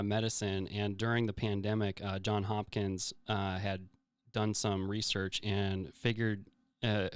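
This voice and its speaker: Low, smooth-voiced man rambling on health. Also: dry recording. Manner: rambling, many fillers and restarts. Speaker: show host. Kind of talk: casual health talk monologue.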